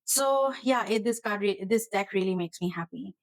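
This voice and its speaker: A woman's voice: mid-range voice, normal speed, no room sound, rough recording. Earnest, rambling woman chatting to camera. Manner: rambling, earnest, gets emotional and laughs. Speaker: tarot channel host. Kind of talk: casual chat to camera. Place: home kitchen.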